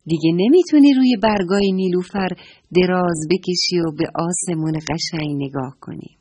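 A woman voicing a wise male owl, the forest doctor, who gives gentle, lecturing advice in a children's story. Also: lowish voice, dry recording, lightly acted. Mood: kindly.

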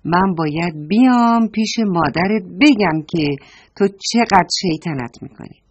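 A woman's voice: fairly low pitch, animated, slightly rough, highs cut off. A woman voicing a cross, nosy older village woman who scolds and complains about a naughty boy. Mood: complaining.

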